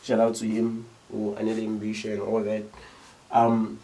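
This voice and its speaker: A man's voice: fairly low pitch, monotone, normal speed, dark tone, recorded from a distance, poor audio. A young South African man giving a casual video lesson, chatty and often checking in with rhetorical questions. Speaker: teacher.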